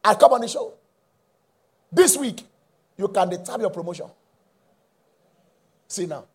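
A middle-aged man preaching a sermon, using call-and-response and bursting into shouts. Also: sits high, expressive, a little slow, slightly rough. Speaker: pastor.

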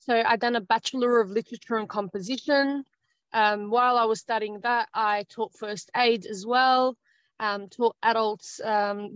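Guesting on a relaxed interview, an Australian-accented writer in her thirties wanders through her answers with frequent fillers and hesitation. Her voice sits a little high, captured in a dry, dull, lo-fi recording.

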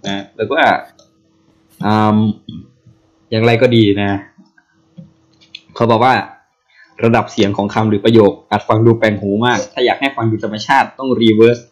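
A man's voice: lowish voice, steady tone, unhurried, pauses often. A man casually explaining something to a co-host, playfully sounding out syllables one by one.

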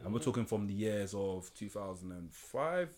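A man's voice: on the low side, lively intonation, normal speed, crowd noise. A man with a slangy London roadman accent, hosting a casual podcast chat. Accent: London, urban roadman. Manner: slangy, street-style talk. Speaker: podcast host.

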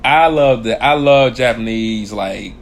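A young man, co-hosting a casual podcast. He is animated, laughs often and jumps up into high exclamations. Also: unhurried, slight background noise. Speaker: podcast co-host. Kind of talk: casual chat.

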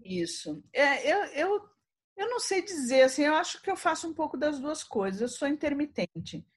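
A woman's voice: sits high, sing-song, moderate pace. A woman, a poet telling stories as an interview guest, acting out dialogue with frequent laughter. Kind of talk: animated storytelling in an interview.

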